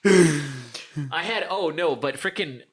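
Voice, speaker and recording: A man's voice: a little high, takes it slowly, husky. A young man co-hosting a podcast, telling a story in casual chat, swearing and acting out the other people in it. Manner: animated, swearing, acts out voices in stories. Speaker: podcast co-host.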